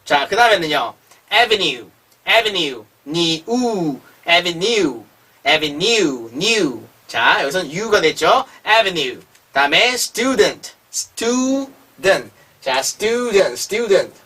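A man teaches phonics in a slow, drawn-out way, breaking each word into its sounds. His voice sits high and swings widely in pitch. It has a slightly husky grain and sounds a little distant from the microphone. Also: sing-song, bright, forceful tone. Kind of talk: online language lesson.

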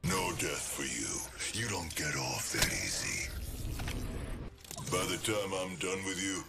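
A man playing a menacing, vengeful undying robot killer in a video game, with a deep, gravelly, robotic rasp and sinister, taunting delivery. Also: very animated, slow pace, exaggerated voice. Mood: sinister, threatening. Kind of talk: video game character acting. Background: loud music.

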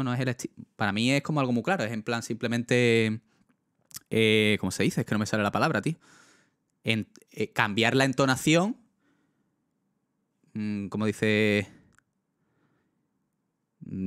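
A man's voice: mid-range voice, a bit bright, clear, resonant tone, no echo, studio quality. A young man with a Spanish accent chatting casually on a livestream, rambling with lots of fillers and talking straight to his chat. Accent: Spain. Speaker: streamer.

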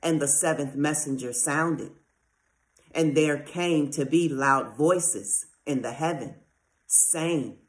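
A scripture reader in a measured, solemn style. The delivery is very slow and deliberate, with each phrase set apart. The pitch sits in an ordinary middle range. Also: fairly bright tone.

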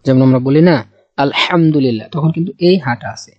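Male teacher with a Bangladeshi Bengali accent, middle pitch, patient drill-style delivery, dry and slightly muffled recording. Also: fast, dry recording. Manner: patient, repeats each sound several times. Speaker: Quran teacher. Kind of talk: slow step-by-step letter lesson. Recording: dull dry close recording.

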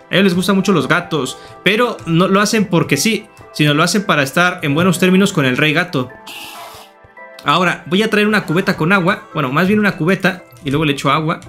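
A man gives playful gameplay commentary in a high, bright voice with a sharp edge. He jokes and teases the characters on screen as he plays. Faint music runs underneath. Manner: jokey, teasing, talks to the game characters. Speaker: gaming YouTuber.

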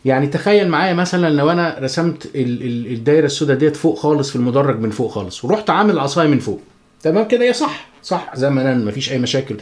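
A man with an Egyptian Arabic accent giving a chatty, joking guitar lesson, counting the beats out loud. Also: medium pitch, expressive, very fast. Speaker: guitar teacher. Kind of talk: casual spoken music lesson.

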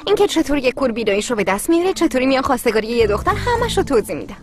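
Brief: a bubbly bride, very high swooping voice. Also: female voice, sing-song, faint music behind. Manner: bubbly, eager. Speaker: young bride.

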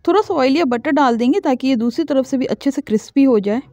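High-voiced woman guiding a home recipe. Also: quick pace, dry recording, clean studio sound. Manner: calm, instructional, explains each step. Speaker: cooking channel host. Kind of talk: step-by-step cooking voice-over. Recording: dull lo-fi voice-over.

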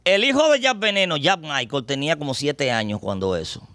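Bright-voiced Dominican storyteller. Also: male voice, on the high side, fairly quick, dry recording. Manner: lively, acts out scenes and voices. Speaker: pop culture expert guest. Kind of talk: anecdotal storytelling on a podcast. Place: podcast studio booth.

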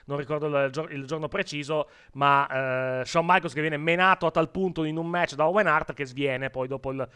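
A man's voice: on the high side, steady tone, normal speed, hardly any pauses, sharp tone, smooth. A man co-hosting a casual live wrestling post-show chat, rambling and repeating words, often laughing, with an Italian accent.

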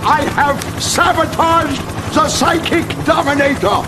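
Professor Einstein, high-pitched old scientist. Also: male voice, fairly even intonation, a little slow. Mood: polite, sheepish. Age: older. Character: eccentric, mild old male scientist professor. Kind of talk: video game cutscene acting. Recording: noisy battle sounds behind voice.

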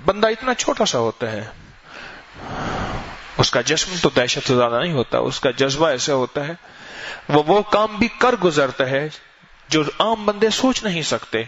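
A man delivering a sermon as a preacher, telling stories with sweeping rises and falls in his voice. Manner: storytelling with lively swings in pitch. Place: mosque gathering. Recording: dull lo-fi recording with faint noise.

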